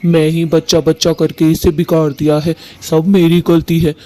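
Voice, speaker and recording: Guy voicing a strict dad bird in a cartoon, bossy, kinda high but soft toned. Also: level tone, normal speed, natural voice. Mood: regretful. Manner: stern, commanding. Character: stern father bird, protective of his daughter. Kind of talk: Hindi cartoon voice acting.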